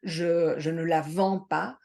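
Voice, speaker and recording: A woman's voice: low voice, fairly even intonation, takes it slowly, gravelly, warm tone. A middle-aged woman from Mexico, a hypnosis and NLP trainer, talking in an interview with many hesitations and repeated words. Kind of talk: conversational interview.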